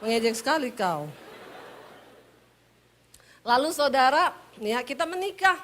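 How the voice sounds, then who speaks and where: A middle-aged woman pastor with a Sulawesi Indonesian accent, preaching with punchy, teasing humor. Her voice sits a little high for a woman, and she lands her lines briskly. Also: slight background noise. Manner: lively storytelling, punchy and teasing. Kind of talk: humorous sermon.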